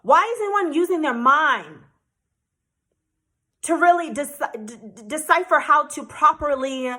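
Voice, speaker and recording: Emphatic woman vlogger, higher voice. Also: sharp tone. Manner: emphatic and indignant, addresses the viewers directly. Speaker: travel vlogger. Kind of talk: personal storytelling to camera.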